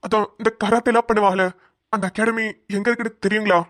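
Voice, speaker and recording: A woman's voice: mid-range voice, steady tone, fast, dry recording, clean studio sound, close to an everyday voice. A woman voicing a flustered man who is lost in an unfamiliar city and asks strangers for directions in a cartoon. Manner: flustered, pleading, stumbling.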